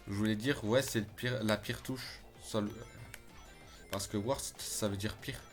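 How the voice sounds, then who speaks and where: Soft music sits under a man's fairly low, slightly slow voice. He's a chatty, excitable streamer giving casual commentary on his game, talking to viewers as "les gars" and swearing when things go wrong.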